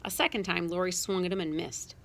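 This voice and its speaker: A woman narrating a children's storybook with a lively, expressive reading. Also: lowish voice, fairly quick, vocal fry. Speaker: audiobook narrator.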